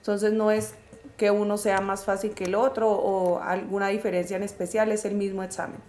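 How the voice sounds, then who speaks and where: A woman's voice: medium pitch, level tone, moderate pace, a little mellow. Matter-of-fact woman in an echoey room. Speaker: IELTS staff co-presenter. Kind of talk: informative online session.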